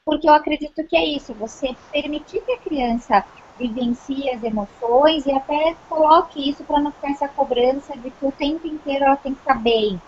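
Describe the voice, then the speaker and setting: A woman's voice: high-pitched, fairly quick, darkish tone. A young pregnant Brazilian woman with a Brazilian Portuguese accent, chatting on a parenting panel in a personal, talkative way full of tag questions. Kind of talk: casual panel chat. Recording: muffled, slightly noisy recording.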